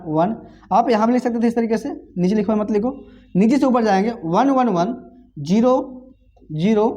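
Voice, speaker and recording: A man's voice: high-pitched, mellow. A male teacher giving a classroom lecture, asking questions and answering them himself, chanting times tables aloud. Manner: call-and-response questioning, answering his own questions.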